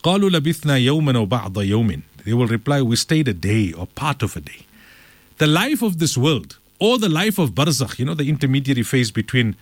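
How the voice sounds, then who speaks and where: Lively man teaching Quran commentary. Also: medium pitch, dry recording. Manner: recites Arabic verses rapidly, then explains in English; animated, dramatizes the verses.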